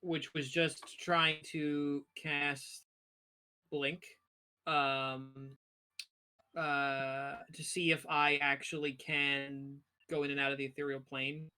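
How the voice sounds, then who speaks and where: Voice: medium pitch, little pitch movement, takes it slowly, pushed and bright, clean tone. A player in a tabletop game, carefully explaining how a spell works. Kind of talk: casual tabletop game chat.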